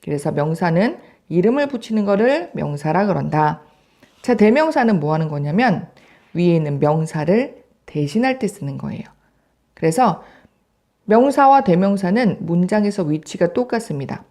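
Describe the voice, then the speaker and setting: A woman's voice: fairly low pitch, big pitch swings, moderate pace, dark tone. A woman teaching English grammar in a recorded video lesson, drilling word lists in a chant and checking in with the class.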